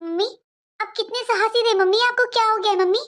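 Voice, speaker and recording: A woman's voice: very high-pitched, fairly even intonation, fast, fairly bright tone. A woman playing an outspoken grown-up daughter who scolds and stands up for her mother in a family drama. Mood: pleading.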